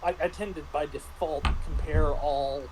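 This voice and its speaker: A middle-aged game master chats casually while reviewing a tabletop RPG, stammering and repeating words as he explains. His voice is a little high and steady at a moderate pace, with background noise present.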